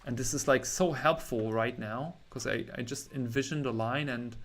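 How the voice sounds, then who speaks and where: A man's voice: medium pitch, moderate pace, a bit bright. A young man from Germany chatting casually with viewers while he draws on a livestream, rambling and breaking off mid-word. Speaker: artist streaming a drawing session.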